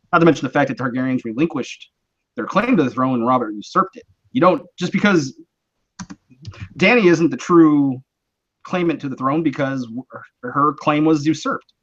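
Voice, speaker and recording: A man hosting a casual live chat, mid-pitched and talking things through in long, rambling explanations full of restarts. His voice comes through slightly muffled, like lo-fi stream audio. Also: a bit bright. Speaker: host.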